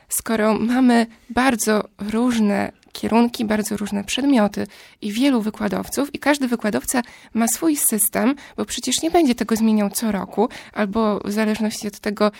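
A young woman explains her view in a casual conversation, spinning long, careful sentences. Her voice sits a little high and has a gravelly fry. The sound is dry and close. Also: a little mellow, dry recording. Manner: measured, explanatory, builds long argued sentences. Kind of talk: casual discussion.

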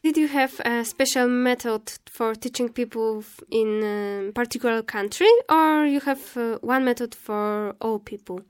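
Woman interviewer, clear higher voice. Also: measured pace, hardly any pauses. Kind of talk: interview questions.

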